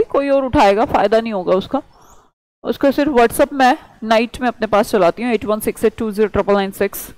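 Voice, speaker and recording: A woman's voice: a little high, no echo, poor audio. A woman teacher giving a vocabulary lecture, explaining words by asking questions and answering them herself.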